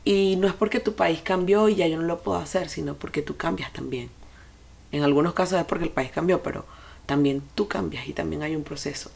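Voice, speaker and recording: Low gravelly Venezuelan woman podcasting. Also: a little fast, a little mellow. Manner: storytelling, speaks straight to listeners with advice. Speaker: podcast host. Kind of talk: reflective solo podcast monologue.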